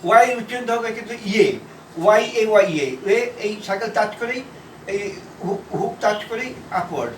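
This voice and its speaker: A man from India teaching a shorthand class, explaining slowly and repeating himself, letter by letter. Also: high voice, animated, a little hiss or hum. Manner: repetitive, halting, spells out letters. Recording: echoey room from far off.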